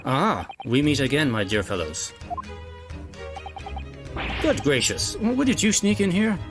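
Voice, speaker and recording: A man voicing a posh, forgetful, irritable older gentleman in a video game, with pompous, spluttering old-fashioned phrasing. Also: mid-range voice, expressive, measured pace, music in the background. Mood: flustered, irritated. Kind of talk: video game character read-aloud.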